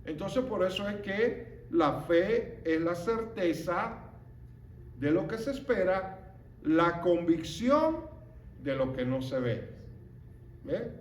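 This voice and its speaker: A man with a fairly high voice teaches a Bible lesson at an unhurried pace. He explains each point slowly and keeps checking in with his listeners through rhetorical questions. The room gives his voice a noticeable echo. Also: expressive, a little hiss or hum.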